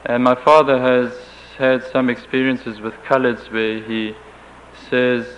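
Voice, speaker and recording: A man whose first language is German answers interview questions with a German accent, speaking haltingly and carefully with many restarts. His mid-range voice stays level, recorded on dull lo-fi tape with faint hiss.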